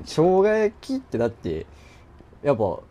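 A young man with a Kansai accent trades jokes in a lively, up-and-down voice that sits a little high. His tone is dark and mellow. He laughs easily and protests a lot in casual talk recorded at home. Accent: Kansai Japanese. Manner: bantering, quick to laugh and protest. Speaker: podcast co-host. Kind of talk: casual chat.

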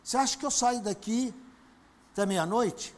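A middle-aged man from Brazil, a pastor preaching and telling a personal story, swinging between loud outbursts and quiet asides. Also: very high-pitched, normal speed, long reverb tail, a little hiss or hum. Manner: storytelling with dramatic swings in loudness. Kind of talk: sermon.

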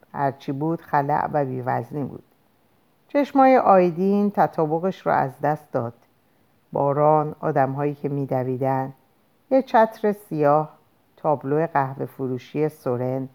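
Woman, audiobook narrator, low voice, lively expressive delivery. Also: creaky. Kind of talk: audiobook reading of a novel.

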